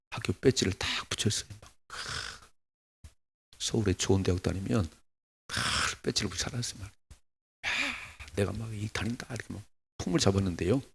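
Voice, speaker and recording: A middle-aged male pastor preaches with a low, gravelly and husky voice. He talks to his congregation in a loose, conversational way. He slips into little acted asides and stacks up rhetorical questions that rise as he presses his point. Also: darkish tone. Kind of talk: sermon.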